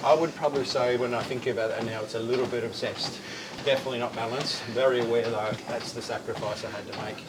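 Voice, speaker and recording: Fast-talking man chatting on a treadmill over loud noise. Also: mid-range voice, fairly even intonation. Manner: talking while exercising on a treadmill. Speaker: gym company founder and CEO. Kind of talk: casual interview chat. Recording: loud ambient noise behind voice.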